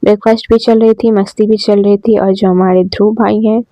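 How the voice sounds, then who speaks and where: A woman's voice: mid-range voice, little pitch movement, a little fast, warm tone, no room sound, low-quality recording. A woman casually narrating a romance audio story, chatty and speaking to her listeners. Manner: chatty, addresses listeners directly.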